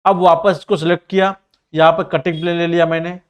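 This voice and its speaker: Fast-talking Hindi CAD tutor, man. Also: on the high side, flat delivery, clear, resonant tone. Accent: Mumbai Hindi. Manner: step-by-step explanatory, talks to students directly; says he sometimes talks fast. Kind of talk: screen-recorded software tutorial.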